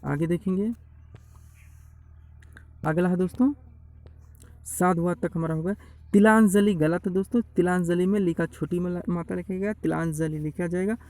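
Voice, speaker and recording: A man's voice: high voice, steady tone, normal speed, pauses often, a little mellow, dry recording, rough recording. A man teaching Hindi spelling for exam prep. He goes through word after word and calls his viewers "friends" again and again. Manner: repeats corrections, addresses viewers as friends. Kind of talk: online exam-prep lecture.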